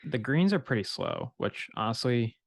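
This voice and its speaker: A man's voice: mid-range voice, very animated, normal speed, gravelly, no room sound, studio quality. A man co-hosting a casual sports podcast, recapping plainly in a laid-back way. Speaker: podcast co-host.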